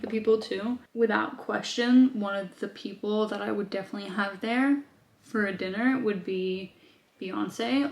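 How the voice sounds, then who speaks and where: A chatty young woman from Australia, answering viewer questions in a relaxed vlog at home. Her pitch sits mid-range, she leans on fillers as she thinks aloud, and her voice rings with a roomy echo. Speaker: vlogger.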